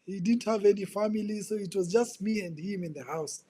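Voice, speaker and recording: A Kenyan-accented man in his twenties, a ministry coach appearing as a podcast guest, tells his life story as a personal testimony in conversation. His voice sits high and is mellow and husky, and he speaks earnestly but haltingly, often repeating words as he searches for them.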